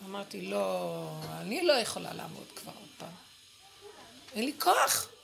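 Gravelly-voiced woman sharing with passion. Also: mid-range voice, sing-song, fairly bright tone. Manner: impassioned, cries out in exasperation, repeats words. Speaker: group sharer. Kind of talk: emotional spiritual sharing in a group.

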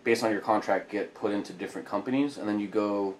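A former Marine from Idaho, United States, tells his story as a podcast guest in casual interview style, speaking fast in a voice on the low side. He's profane and animated, acting out quotes. The room echoes, with faint background noise.

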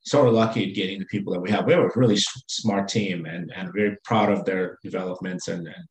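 A man speaking as a company executive in a business interview, halting with many fillers and restarts. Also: sits low, fairly even intonation, echoey room, rough recording.

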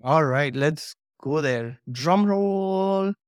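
A guest course creator with a fairly high, smooth, animated voice speaks very slowly during a casual interview over a video call. He eagerly steps through his material, and the clean studio recording has no echo.

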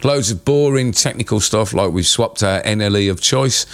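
A man in his fifties with an English accent and a hoarse voice, chatting casually as a co-host in a rambling, matey, sweary way. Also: lowish voice, moderate pace. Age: 50s. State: hoarse from screaming at a concert. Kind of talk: casual chat.

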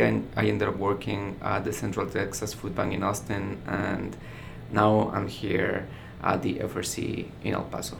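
A man introducing himself in a sincere, measured way. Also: lowish voice, gravelly, slight background noise. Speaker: resilience navigator. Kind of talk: personal introduction.

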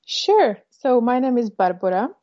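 A woman's voice: on the high side, sing-song, moderate pace, warm tone, muffled recording. A woman from the Czech Republic with a Czech accent, a native Czech speaker talking as a podcast guest, thoughtful and hesitant with many fillers. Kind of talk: casual podcast interview.

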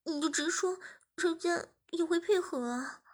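A woman's voice: very high voice, a little slow, pitched above the performer's own voice. A woman voicing a shy young wife who gets flustered and pleads easily. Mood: upset pleading.

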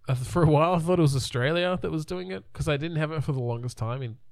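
A man's voice: a little high, fast, vocal fry, darkish tone, no room sound, clean studio sound. A man in his thirties co-hosting a podcast, chatting casually and rambling with many restarts. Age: 30s. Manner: rambling, restarts often, trails off. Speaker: podcast co-host. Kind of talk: casual chat.

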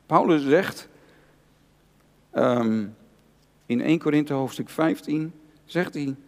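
In a church hall with long reverb, a male pastor delivers an earnest, personal sermon, repeating key phrases for emphasis. His voice sits on the high side, and he takes his time.

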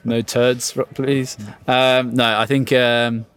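A man's voice: medium pitch, level tone, slow pace, a bit bright, clean tone. A young man, chatting casually as a podcast co-host, jokey and rambling, swearing freely. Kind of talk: casual chat.

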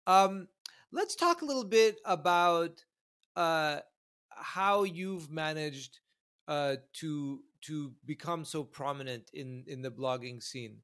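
Male podcast host, friendly, halting questions, slightly high pitch. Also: a bit bright. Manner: friendly, hesitant restarts. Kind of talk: interviewing a guest.

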